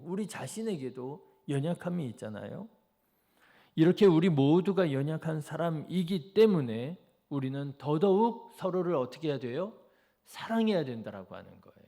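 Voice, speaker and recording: Korean pastor preaching, mellow voice. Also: male voice, on the high side, creaky. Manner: preaching with rhetorical questions to the congregation. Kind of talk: dawn service sermon. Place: church sanctuary.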